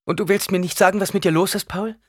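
Man putting on a frightened, soothing mother, raised high pleading voice, husky. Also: steady tone, fast, no room sound, studio quality. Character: worried noble mother, anxious and soothing.

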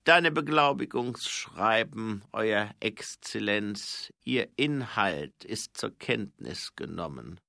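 A man acting out an old dwarf king who questions his guest slowly and loudly. His gravelly voice climbs high and swings widely as he draws out each phrase. The recording is dry and close. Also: lively intonation, no room sound, heavily acted. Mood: probing, weary. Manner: slow, high and loud, drawn-out.

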